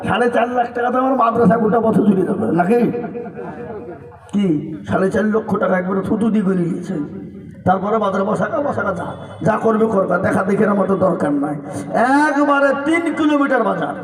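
High-voiced preacher in echoey hall. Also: male voice, moderate pace, far from the mic. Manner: jokey, quizzes the crowd with rhetorical questions. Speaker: preacher who runs a madrasa. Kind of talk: sermon at an Islamic religious gathering. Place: large public gathering.

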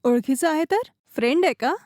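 A woman's voice: sits high, expressive, normal speed, a little mellow, no room sound, studio quality. Teasing young girlfriend. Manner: playful, teasing questions. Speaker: actor. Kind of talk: short film acting.

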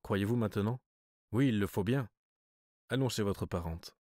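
A man voicing a calm, self-assured doctor who gives commands. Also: lowish voice, moderate pace, dry recording, clean studio sound, lightly acted. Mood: commanding.

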